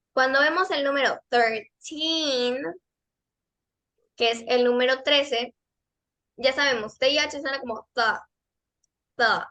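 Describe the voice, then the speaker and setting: Woman teacher, high and bright, patient and methodical, models each word over and over for young students. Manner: patient, explains step by step and repeats model words. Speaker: English teacher. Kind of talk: pronunciation lesson for kids and teens.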